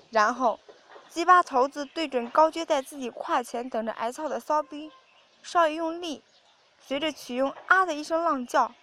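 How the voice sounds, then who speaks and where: High-voiced woman narrating a story. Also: noisy background. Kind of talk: audiobook narration.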